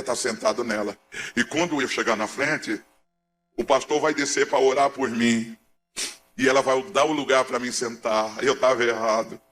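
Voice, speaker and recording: A man from Pernambuco, giving a dramatic testimony sermon in a church, swinging between hushed and shouting. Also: mid-range voice, a little hiss or hum. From Pernambuco, Brazil.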